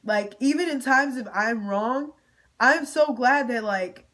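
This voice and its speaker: Speaking slowly in a slightly high, somewhat bright voice, a young woman vents to her viewers in a storytime vlog. Her slangy, direct talk turns emotional, close to tears in places.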